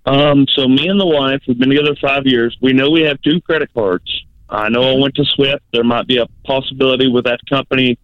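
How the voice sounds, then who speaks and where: A man calling in over a tinny, dry phone line. He talks hesitantly and stumbles over his words, with polite sirs and ma'ams. His voice sits at an ordinary middle pitch. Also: fairly even intonation, fairly quick, smooth, no room sound. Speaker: caller. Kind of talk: casual call-in chat.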